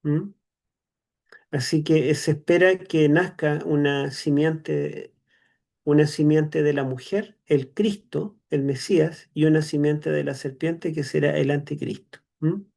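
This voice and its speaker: A Chilean man teaching a theology class, explaining slowly with many "eh" fillers and tag questions. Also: a little high, steady tone, gravelly, a little mellow. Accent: Chilean Spanish. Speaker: seminary teacher. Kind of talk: online theology lecture.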